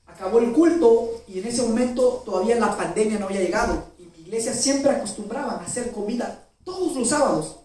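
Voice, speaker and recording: A man's voice: high voice, brisk, a little mellow. A male pastor preaching a sermon, telling a personal story emotionally and asking the congregation questions. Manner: emotional, self-described crier. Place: church. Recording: very echoey hall, mic far off, faint noise.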